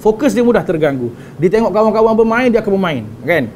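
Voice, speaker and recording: A young religious teacher with a Malaysian Malay accent gives a talk on parenting in a high, sing-song, fast, darkish voice, with slight background noise. He's conversational, mixes in English phrases, and restarts often while tagging sentences with "kan?"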